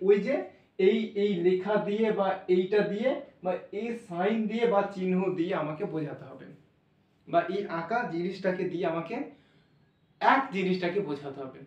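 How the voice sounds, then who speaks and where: High-voiced male teacher in roomy classroom. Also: moderate pace, highs cut off. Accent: Bengali. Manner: informal, reassuring, addresses students familiarly, thinks aloud. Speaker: maths teacher. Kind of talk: classroom lesson. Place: classroom with blackboard. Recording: roomy, voice from a distance.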